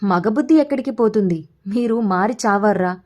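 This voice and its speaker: A woman voicing a cheeky, sharp-tongued young woman who fears the dark in a read-aloud story. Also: mid-range voice, moderate pace, lightly acted. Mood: teasing.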